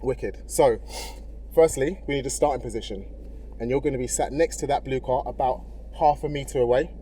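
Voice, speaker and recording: With vehicle noise in the background, a man instructs a learner driver from inside a car in a car park. His medium-pitched, dark-toned voice moves at normal speed as he gives friendly, encouraging steps and frequently confirms the learner is keeping up.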